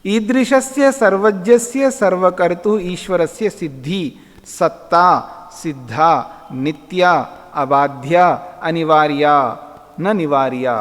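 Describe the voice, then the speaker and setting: Slow, lively-voiced man teaching in a hall. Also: high voice. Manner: patient, repeats words slowly for students. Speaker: Vedic philosophy teacher. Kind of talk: classroom lecture. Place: ashram lecture hall. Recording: long hall reverb.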